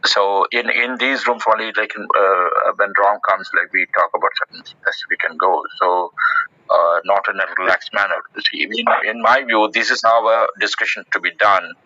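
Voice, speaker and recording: A man hosting a casual group discussion in an audio chat room, earnest and halting, with many restarts. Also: lowish voice, fairly even intonation, bright, forceful tone, no room sound. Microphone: phone in an audio chat app. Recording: muffled dry audio-room recording.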